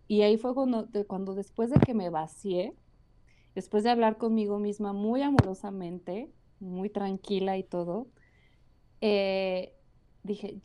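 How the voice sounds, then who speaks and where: A woman's voice: mid-range voice, noisy background. A woman with a Mexican Spanish accent talking casually and earnestly about her own experience, with lots of fillers. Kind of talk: casual conversation.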